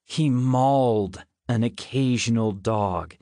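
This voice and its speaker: A stiff, prudish young man, quick to disapprove and change the subject, voiced by a male narrator. He speaks in a plain, middle-pitched voice. The audiobook recording is dry and close. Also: animated, a little mellow, no echo, close to an everyday voice. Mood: disgusted.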